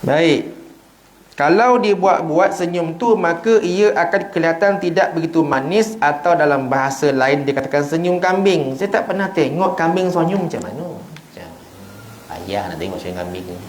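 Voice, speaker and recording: A man's voice: fairly high pitch, animated, moderate pace, echoey room, rough recording. A man with a Malaysian Malay accent gives an informal evening sermon, telling stories and acting out little dialogues with joking asides. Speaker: ustaz giving an evening mosque lecture. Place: prayer hall of a small mosque.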